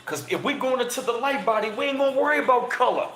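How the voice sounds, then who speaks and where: A man in his thirties hosting a casual livestream, chatting with viewers in slangy talk and reading passages aloud, his voice jumping high whenever he gets emphatic. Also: fast, reverberant, slight background noise. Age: 30s. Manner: excitable, voice jumps high when emphatic, slangy. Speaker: channel host.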